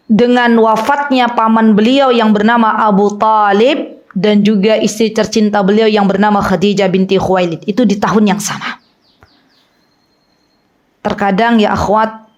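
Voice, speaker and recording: Chatty woman teacher giving a religious talk. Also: fairly high pitch. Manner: chatty storytelling with frequent tag words to listeners. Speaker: Islamic women's study teacher. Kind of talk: conversational religious study talk.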